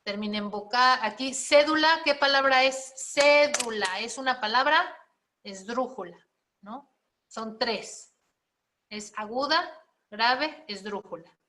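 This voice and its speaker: A woman with a fairly high, pushed and bright voice speaks a little slowly as she teaches a spelling and writing class. She explains things step by step and keeps checking in with her students through frequent questions.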